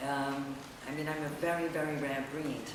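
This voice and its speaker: Captured from a distance in an echoey indoor room at a public event, a middle-aged woman speaks in a low, fairly even voice at normal speed. She's a writer and editor presenting her own essay in a semi-improvised talk, and the recording is noisy.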